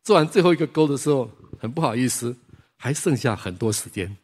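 Animated preacher. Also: male voice, mid-range voice, a little fast, slightly rough. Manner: lively storyteller who acts out dialogues and chuckles. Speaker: pastor. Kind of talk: sermon with personal stories.

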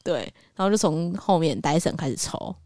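Podcast co-host, woman, slightly low pitch, animated and quick, dry studio mic. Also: no echo. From Taiwan. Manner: animated, acts out voices with squeals and exclamations. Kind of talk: casual storytelling chat.

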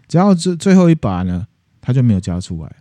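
A man's voice: medium pitch, brisk, dry recording. A man, hosting a podcast and retelling a fairy tale in a casual, playful way. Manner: animated, playful retelling with acted voices. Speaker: podcast host. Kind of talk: casual storytelling chat.

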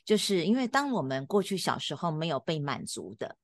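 Low-voiced woman host. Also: very animated, fairly quick, a little hiss or hum. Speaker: podcast host and teacher. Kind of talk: encouraging interview chat.

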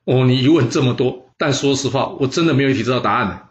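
A man voicing a gentle, good-humored old male sage in a storybook, speaking mildly and a little higher than his usual voice. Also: quick pace, echoey room, highs cut off, close to an everyday voice. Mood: amused.

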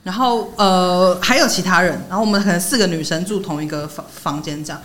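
A young woman co-hosting a podcast, telling a story in an animated way and laughing often. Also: fairly low pitch, fast, a little hiss or hum. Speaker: podcast co-host. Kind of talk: casual chat.

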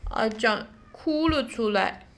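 A woman with a slightly high voice retells a children's story in a gentle, storytelling way. She speaks very slowly and carefully. She sounds like a teacher hosting a show for language learners. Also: expressive. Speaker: Japanese teacher and show host.

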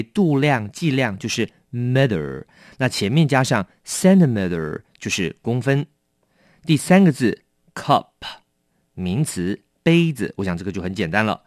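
Lively-voiced man teaching vocabulary. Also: mid-range voice, dry recording, clean studio sound. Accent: Taiwanese Mandarin. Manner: explains patiently, repeating each word slowly. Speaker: English teacher. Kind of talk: vocabulary lesson.

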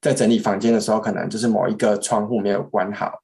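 Fast-talking young man, Taiwanese accent. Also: fairly low pitch, level tone, creaky, darkish tone. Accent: Taiwanese Mandarin. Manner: rambling, many restarts and "这样" tags. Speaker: podcast guest, former French interpreter. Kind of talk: casual storytelling.

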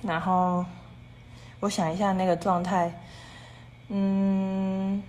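A woman's voice: medium pitch, flat delivery, slow pace, darkish tone, slight background noise. A woman hosting a casual livestream, talking in long rambling runs strung together with "and then" and chatting with viewers about their comments. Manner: rambling and repetitive, strings clauses with "and then". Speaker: livestream host.

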